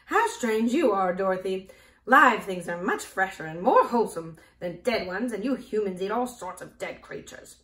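A woman voicing a bold, matter-of-fact female talking hen in a storybook reading, loud and emphatic, in a roomy, echoey recording. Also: mid-range voice, animated, normal speed, few pauses, distant mic. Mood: confident. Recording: roomy echo.

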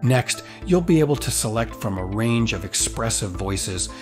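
A man with a lowish, expressive voice hosts a tutorial, delivering upbeat, promotional scripted narration at a normal speed. He sounds enthusiastic, and music plays in the background.

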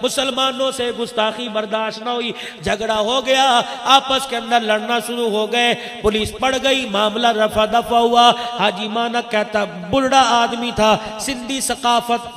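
Guy preaching a sermon, real high voice, sing-songy and passionate, big echoey hall. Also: steady tone, unhurried, few pauses, fairly bright tone. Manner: impassioned, sing-song storytelling. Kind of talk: emotional religious sermon.

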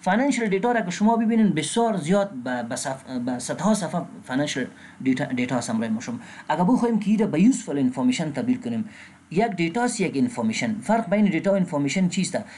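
A man with an Afghan Dari accent gives a recorded accounting lecture, reading English terms slowly and pausing with filler sounds. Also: on the high side, very animated, a little mellow, slight background noise. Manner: frequent filler sounds and restarts. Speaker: accounting instructor.

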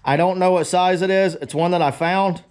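In a cluttered forge workshop full of power tools and clatter, a blacksmith gives viewers a casual, unscripted how-to demonstration in a folksy, plain-spoken manner. His voice is high-pitched, steady, and clean with a darkish tone, at a moderate pace.

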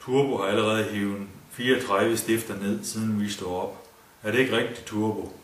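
A man voicing a drunk young Jutlander at a festival camp, rowdy and loud, with a Jutlandic accent. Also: on the low side, steady tone, close to an everyday voice. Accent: Jutlandic Danish. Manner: rowdy, boisterous shouting. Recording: roomy, distant mic, faint ambience.

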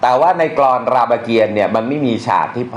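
A man's voice: mid-range voice, animated, quick pace. A man teaching poetry in a casual, blunt way, using slang and reciting verses aloud. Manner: blunt and colloquial, with slang and crude words. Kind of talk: casual lecture on Thai poetry. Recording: echoey room, faint noise.

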